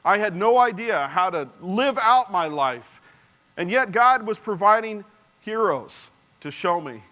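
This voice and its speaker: Earnest bright-voiced man in his forties. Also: high-pitched, lively intonation, measured pace. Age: 40s. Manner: earnest, drops to a soft hushed voice for tender moments; engages the audience directly. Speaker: speaker addressing a congregation. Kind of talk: storytelling sermon.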